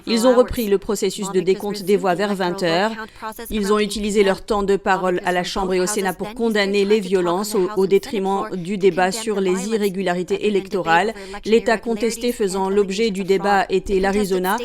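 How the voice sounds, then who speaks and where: A woman anchoring the news, reading a scripted report in an even, measured way. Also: medium pitch, a crowd in the background.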